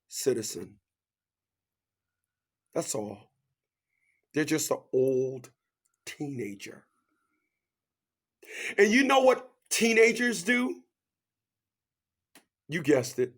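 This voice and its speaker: A man in his fifties giving a preachy motivational monologue, asking rhetorical questions, repeating his catchphrases and swinging from loud, high bursts down to hushed asides. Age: 50s.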